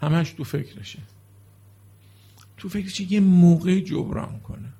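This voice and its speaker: A man's voice: sits high, dark tone, slightly rough. A middle-aged man preaching a religious sermon to a seated congregation, moving from earnest explanation into mournful lament.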